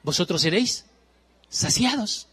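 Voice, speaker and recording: A man preaching a sermon, emphatic, moving from hushed warnings to loud exclamations and repeating phrases. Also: high voice, animated, a little slow, slightly rough.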